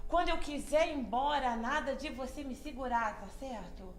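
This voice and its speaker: A woman's voice: high-pitched, moderate pace, soft background music, lightly acted. A woman playing a shy, hesitant young woman in an amateur stage rehearsal. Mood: reluctant. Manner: hesitant, wary.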